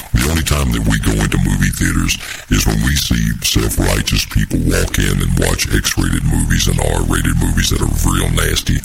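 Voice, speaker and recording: A man's voice: very deep voice, heavily acted. A man voicing an arrogant male demon from hell who boasts and sneers at humans while answering interview questions. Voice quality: gravelly. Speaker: interview guest. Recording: noisy recording.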